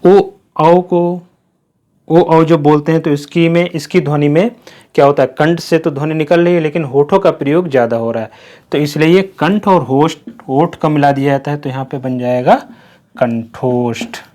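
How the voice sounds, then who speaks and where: A man teaching Hindi grammar in a slow, repetitive way, asking questions and then answering them himself. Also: a little high, a little mellow. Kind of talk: classroom-style lesson.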